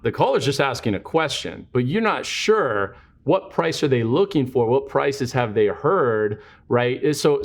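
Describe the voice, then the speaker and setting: A male interviewer with an average-pitched voice talks in a conversational, explanatory manner. He sets out example situations step by step and checks in with short questions along the way. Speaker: interviewer, dental sales trainer.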